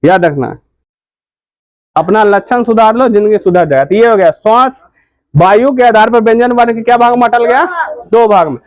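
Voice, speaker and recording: Male tutor, high voice, dry close sound, question-and-answer drilling. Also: moderate pace, pauses often, no echo, rough recording. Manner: repeats questions and answers them himself. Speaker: teacher. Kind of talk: classroom grammar lesson.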